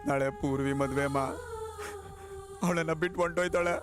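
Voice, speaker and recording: A man's voice: fairly high pitch, steady tone, brisk, lightly acted. An actor playing a heartbroken young man who talks to his mother in a despairing way. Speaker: grown son. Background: film score music.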